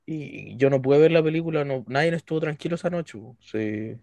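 A man's voice: fairly high pitch, a little fast, vocal fry, no echo. Laid-back Chilean man, dry sound. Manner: relaxed, laughs often, slangy. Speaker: podcast co-host. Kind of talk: casual chat.

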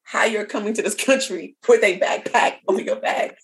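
A young woman from a Haitian family co-hosting a casual podcast, animated and laughing as she tells stories and acts out voices. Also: mid-range voice, moderate pace. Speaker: podcast co-host.

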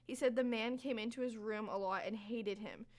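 Chatty woman reading creepy stories. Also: a little high. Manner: animated, reads stories aloud with dramatic pauses. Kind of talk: casual chat.

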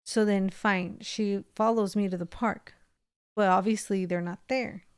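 A young woman co-hosting a podcast casually tells a story about a strange dream, chatty and full of "like," acting out quoted dialogue. Her mid-range voice is steady, unhurried and clean, recorded in a clean studio with no echo.

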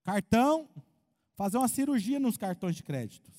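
A Brazilian man preaching as a pastor, animated, asking the crowd questions and acting out quotes. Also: high voice, normal speed. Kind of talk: lively sermon with humor. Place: church hall. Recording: long hall reverb.

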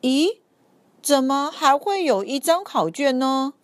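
Anxious young rabbit boy acted by a female reader, picture-book read-aloud for toddlers, high, excitable, fretful. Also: slow pace, no room sound, full character voice. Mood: puzzled. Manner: exclaiming, fretful. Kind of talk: children's picture-book character voice, reading to a toddler.

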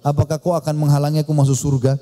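A man's voice: fairly high pitch, flat delivery, very fast, mellow, close to an everyday voice. A man voicing an eager, brave young warrior who speaks fervently and insistently in a sermon story. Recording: long hall reverb.

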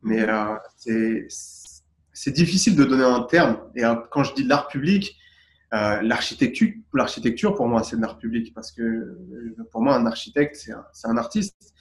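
Man from Tunisia, interview guest, thoughtful and measured, average pitch, roomy recording. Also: lively intonation. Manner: thoughtful, searching for words. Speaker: guest artist. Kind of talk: interview answers. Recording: roomy echo.

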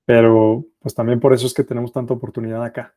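A middle-aged man with a Mexican accent, a guest in a podcast interview, telling his story in a relaxed, self-deprecating way. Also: medium pitch, quick pace, dry recording.

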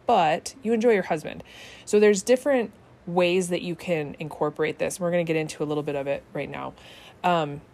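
A woman giving a casual self-help talk, chatty and quick to laugh, often checking in with "right?". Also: on the low side, darkish tone. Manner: laughs easily.

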